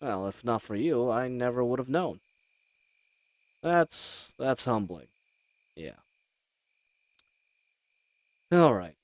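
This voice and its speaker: A man's voice: medium pitch, close to an everyday voice. A man playing a roguish, good-humoured bandit leader in a fantasy audio roleplay, talking in a folksy, teasing and hesitant way. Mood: humbled, curious.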